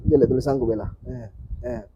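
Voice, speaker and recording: Seorang guru mengaji pria yang mengajar kelas dengan sabar, mengulang bunyi huruf perlahan untuk murid-muridnya. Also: male voice, medium pitch, fairly even intonation, warm tone, breathy edge, lo-fi sound. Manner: patient, repeats sounds slowly for students. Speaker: Quran reading teacher. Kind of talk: teaching a class.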